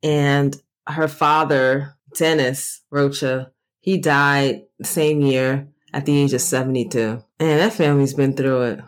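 A woman's voice: very deep voice, steady tone, measured pace. A woman hosting a true crime podcast, talking casually with fillers and asides. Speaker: podcast host.

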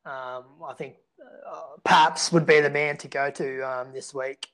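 A man's voice: fairly high pitch, fairly even intonation, unhurried, a bit bright. Blokey Australian man chatting casually. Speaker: fantasy rugby league podcast host. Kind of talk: casual sports podcast chat.

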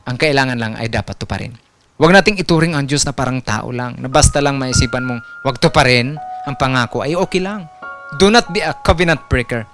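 A man's voice: mid-range voice, brisk, music in the background. A male pastor preaching a sermon with rising emphasis, mixing in English phrases.

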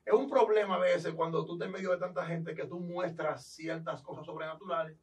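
A man's voice: on the high side, brisk, distant mic, poor audio. A man with a Dominican accent, a pastor animatedly telling his testimony and acting out the voices in it. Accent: Dominican Spanish. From Dominican Republic. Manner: animated, acts out quoted voices. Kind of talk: testimony storytelling.

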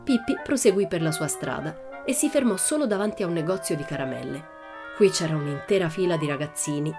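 A woman narrating a children's audiobook in a steady, expressive storytelling manner. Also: fairly low pitch.

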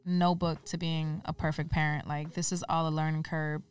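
A woman's voice: sits low, flat delivery, moderate pace, smooth, far from the mic, soft background music. A woman guest on a casual podcast, talking earnestly and sprinkling her speech with "like" and "um". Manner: earnest, uses filler like "like" and "um". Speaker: interview guest.

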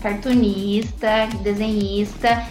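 Brazilian woman, podcast guest, medium pitch, casual chat, echoey sound. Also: level tone, slow pace, darkish tone. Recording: roomy echo, faint music behind.

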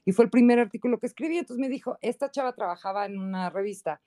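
Fast-talking and lively, a guest columnist with a Mexican accent swaps anecdotes in a casual podcast chat. When quoting people, she tends to jump into high voices.

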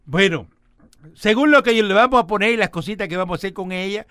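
Puerto rican radio host, high bright voice, mock serious bragging, dry mic. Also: male voice, fast talker, no echo. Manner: mock-serious, questioning, boastful. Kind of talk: comedic radio banter.

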